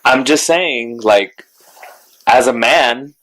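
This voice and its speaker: A man's voice: medium pitch, slow pace, a bit bright, poor audio. A man co-hosting a casual lunchtime chat, playful and sassy, swearing freely. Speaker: podcast co-host; artist.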